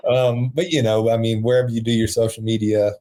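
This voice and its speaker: A man telling a heartfelt story as a podcast guest, earnest and emotional, with soft laughs. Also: fairly low pitch, little pitch movement, fairly quick, noisy background. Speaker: podcast guest, prison ministry founder.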